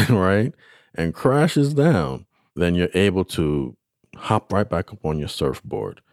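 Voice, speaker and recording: A man giving conversational coaching advice in an encouraging, emphatic way, repeating phrases and pausing for weight. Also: deep voice, expressive, creaky, dry recording, clean studio sound. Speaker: expert guest answering listener questions.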